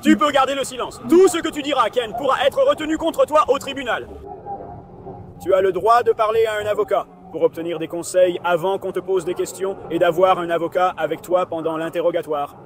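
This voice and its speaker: A man's voice: high-pitched, brisk, slight background noise. A man as a police officer in dubbed bodycam dialogue, steadily reading out procedural rights.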